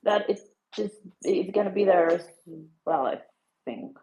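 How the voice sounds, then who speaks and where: A woman's voice: medium pitch, unhurried, darkish tone, muffled recording. A woman on a podcast speaking in an unsure, hedging way. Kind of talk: casual chat.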